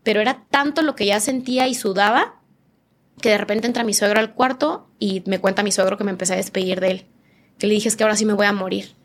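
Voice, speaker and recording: Speaking briskly in a mid-range voice, a woman with a northern Mexican accent shares an emotional personal story as a podcast guest. She tells it vividly, performing the dialogue of the people involved in altered voices.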